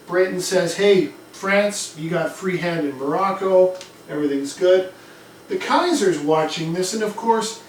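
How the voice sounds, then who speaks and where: A man giving a history lecture in a room, speaking in a loose, conversational way with lively bursts and many restarts. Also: a little high. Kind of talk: classroom lecture. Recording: echoey room from a distance with faint noise.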